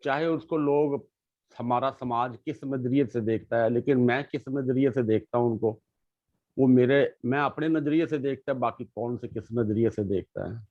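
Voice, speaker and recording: A middle-aged man talks in a reflective, earnest way and often pauses and restarts mid-thought. His voice sits at an ordinary pitch. The recording is dull and lo-fi and has no room echo. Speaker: guest sharing his life story. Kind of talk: casual conversation. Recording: dull lo-fi sound.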